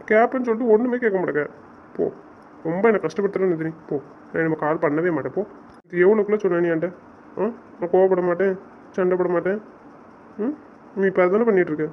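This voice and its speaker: Man doing an exasperated young fiancé, high-ish voice, quick talk, dull lo-fi sound. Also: close to an everyday voice. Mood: frustrated. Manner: coaxing, reasoning, exasperated. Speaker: voice actor. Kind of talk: audio drama acting. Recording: dull lo-fi sound with faint noise.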